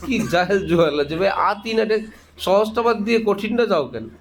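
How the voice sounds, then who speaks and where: A man's voice: sits high, expressive, moderate pace, a little hiss or hum. A man giving a sermon, conversational and joking, laughing as he teaches. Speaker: Islamic preacher. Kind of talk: sermon with humorous anecdotes.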